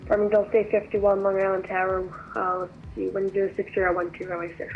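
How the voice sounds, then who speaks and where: Controller, fast and monotone, over a cutting-out radio connection. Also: medium pitch, narrow, tinny audio. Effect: radio audio breaking up and cutting out. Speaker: air traffic controller in a flight simulation. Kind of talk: clipped radio phraseology.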